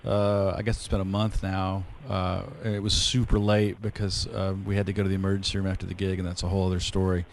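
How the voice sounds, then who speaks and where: Male podcast host, slightly low voice, loose and chatty, rambles through stories. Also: completely flat delivery, fast talker, hardly any pauses, slight background noise. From rural area. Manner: chatty, rambling storyteller with many fillers. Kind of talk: casual interview chat.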